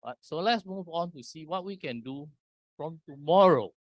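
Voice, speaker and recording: A man from Singapore giving a conference presentation, walking through slides in slow, deliberate short phrases. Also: a little high, animated, no echo. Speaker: conference speaker. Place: conference hall.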